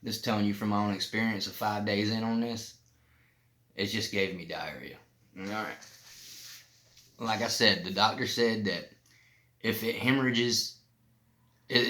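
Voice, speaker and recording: A man's voice: fairly low pitch, fairly bright tone. A man giving a casual, plain-spoken explanatory vlog, talking with some difficulty through a painfully swollen mouth. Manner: plain-spoken, informal, loosely rambling. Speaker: vlogger sharing personal experience.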